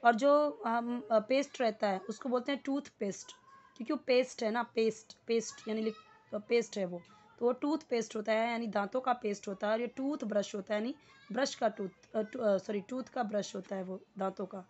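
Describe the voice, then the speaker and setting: A woman's voice: fairly high pitch, darkish tone. A young woman teaching a casual English lesson, explaining patiently and repeating each word. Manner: explains slowly, mixing Hindi and English, repeating words.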